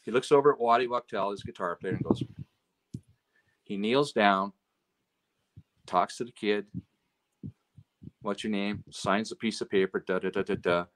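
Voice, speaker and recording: A man, a road manager from Canada, telling lively anecdotes as a guest and acting out quoted lines, often checking in with "right?". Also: lowish voice, normal speed, long pauses. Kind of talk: casual storytelling chat.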